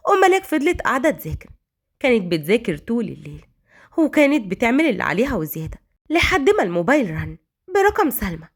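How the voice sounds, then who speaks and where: A woman with an Egyptian accent narrating a romantic drama story, brisk and expressive. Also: on the high side. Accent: Egyptian Arabic.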